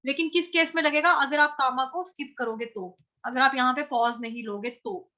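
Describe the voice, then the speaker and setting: A woman teaching Sanskrit verse chanting, patiently breaking words into syllables and chanting them slowly. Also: high voice, steady tone, sharp tone, muffled recording. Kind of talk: chanting lesson, syllable-by-syllable instruction.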